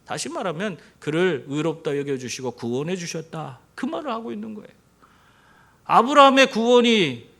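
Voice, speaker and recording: Lively pastor preaching with rhetorical questions. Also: male voice, on the high side, vocal fry. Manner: engages the congregation with rhetorical questions; animated storyteller. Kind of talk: sermon with humorous anecdotes. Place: church.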